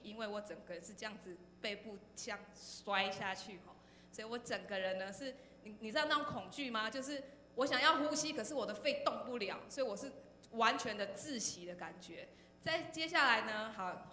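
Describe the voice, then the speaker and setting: A woman with a Taiwanese Mandarin accent gives an animated testimony to a youth congregation, often pausing on "然后呢" and turning questions to her listeners. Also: medium pitch. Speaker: speaker sharing a testimony at a youth service. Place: church hall. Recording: echoey hall, faint background noise.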